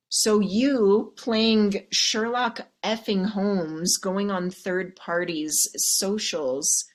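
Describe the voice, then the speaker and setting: A woman coaching a live audience of women, chatty and sassy, calling them ladies and darling and acting out quoted voices. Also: mid-range voice. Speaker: love and mindset coach.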